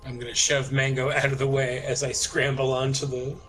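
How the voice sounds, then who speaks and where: A man's voice: mid-range voice, level tone, brisk, a bit bright, poor audio. A man chatting and joking casually as a player in a tabletop game. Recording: music behind the voice.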